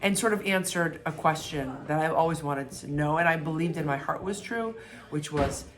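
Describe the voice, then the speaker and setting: A middle-aged woman hosting a vlog, stuffy and congested, talking in halting, searching sentences. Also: deep voice, noisy background. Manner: halting, restarts, searching for words. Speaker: vlog host. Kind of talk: casual reflective vlog talk.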